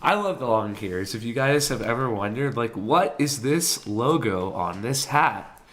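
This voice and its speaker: Congested, hoarse man hosting a live stream. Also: medium pitch, lively intonation, unhurried, fairly bright tone. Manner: chatty, laughs easily, apologetic. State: congested, sick voice. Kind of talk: casual live stream chat.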